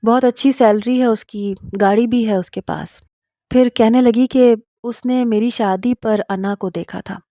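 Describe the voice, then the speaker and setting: A woman narrating a first-person story in a steady, confiding way. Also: mid-range voice, dry recording, clean studio sound.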